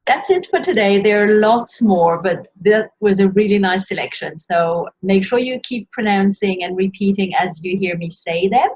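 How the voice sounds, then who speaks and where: A woman teaching French pronunciation in a video lesson, slowly modelling each word for learners to repeat. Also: medium pitch, darkish tone, breathy edge. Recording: dull lo-fi sound.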